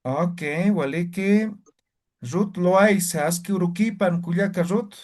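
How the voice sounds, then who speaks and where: Slow, patient male language teacher. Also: high-pitched, darkish tone. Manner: patient, checks in with short tag questions. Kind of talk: online class instruction.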